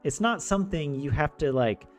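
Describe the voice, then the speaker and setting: A young American man with a fairly high, expressive voice chats at a moderate pace on his live stream, where he teaches Finnish. He talks casually about life abroad, laughing and joking often between fillers and restarts, while faint video game music plays.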